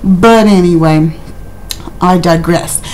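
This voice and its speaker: A woman's voice: fairly low pitch, takes it slowly, a little mellow, a little hiss or hum, rough recording. A woman giving a casual, rambling review in a conversational way, slipping into acted-out quotes as she chats to her viewers. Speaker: reality TV recap vlogger. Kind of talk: casual chatty review commentary.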